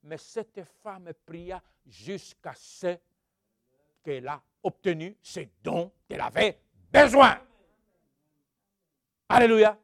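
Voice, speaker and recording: Male preacher, sermon, high voice, slow delivery, loud-to-quiet swings, hallelujahs. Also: animated, no room sound, studio quality. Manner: exclaims hallelujah, asks the congregation questions; dramatic swings from loud outbursts to quiet asides.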